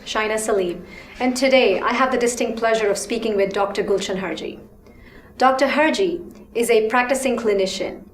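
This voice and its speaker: A woman's voice: fairly high pitch, echoey room. A woman hosting an interview, opening with polished scripted introductions and asking questions. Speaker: host.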